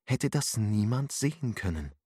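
A man's voice: lowish voice, lively intonation, a little slow, darkish tone, breathy edge, dry recording, studio quality. A man voicing a frightened, confused young man who asks anxious, searching questions, in an audiobook. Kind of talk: audiobook narration.

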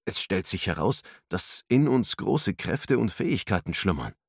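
A man's voice: lowish voice, very animated, moderate pace, vocal fry, no echo, clean studio sound, exaggerated voice. A man voicing a young man who questions doubtfully but stays cheerful.

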